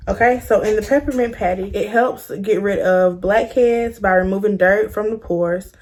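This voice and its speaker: A woman's voice: medium pitch, normal speed, darkish tone. Chatty woman talking through braces. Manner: speaks with braces, stumbles on long words; sassy, informal girlfriend-to-girlfriend address. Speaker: vlogger reviewing soaps. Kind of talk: casual chatty product review.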